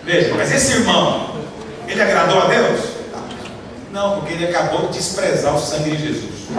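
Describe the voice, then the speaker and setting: Emphatic Brazilian pastor preaching in an echoing hall. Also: male voice, high voice, normal speed. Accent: Brazilian Portuguese. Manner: emphatic, asks the audience many rhetorical questions. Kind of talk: sermon to a congregation. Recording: echoey hall from far off with background noise.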